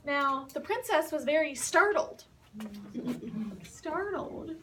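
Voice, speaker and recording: Slow, patient woman explaining a story. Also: high voice, fairly bright tone. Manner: patient, repeats and explains words. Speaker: English teacher telling a story. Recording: distant mic with faint hiss.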